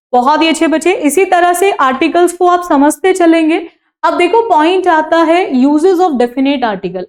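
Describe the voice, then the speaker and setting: A young woman with an Indian English accent teaching grammar to a class, repeating her questions and drawing out words slowly as she models sounds. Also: high-pitched, darkish tone. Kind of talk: classroom lecture to students.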